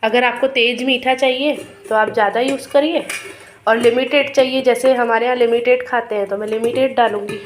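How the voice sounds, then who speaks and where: A woman's voice: fairly high pitch, steady tone, fairly quick, a little hiss or hum. A middle-aged woman with a sore throat hosts a casual cooking video, chatting to viewers as friends and explaining each step.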